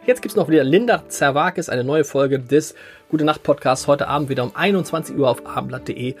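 A man's voice: fairly high pitch, brisk, faint music behind. A man hosting a podcast in casual chat, laughing often and restarting his sentences. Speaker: podcast host.

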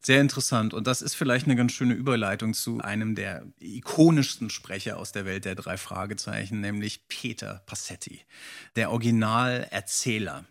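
A man's voice: on the low side, normal speed, gravelly. A man hosting a casual chat, asking his guest questions and often affirming what he says. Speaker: podcast host.

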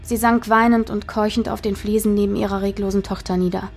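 A woman's voice: mid-range voice, level tone, fairly quick, husky, faint music behind. A woman narrating a dramatic audiobook in a tense storytelling manner.

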